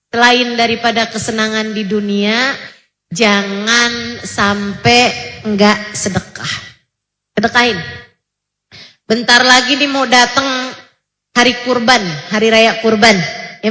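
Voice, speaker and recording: A woman in her forties from Indonesia, preaching a sermon with animated storytelling and direct address to her listeners. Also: a little high. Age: 40s. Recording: echoey hall.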